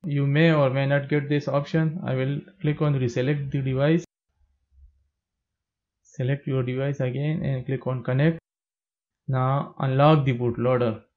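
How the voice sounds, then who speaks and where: A man narrating a step-by-step tech tutorial as a plain, steady voice-over. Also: mid-range voice, unhurried, pauses often, phone-quality sound.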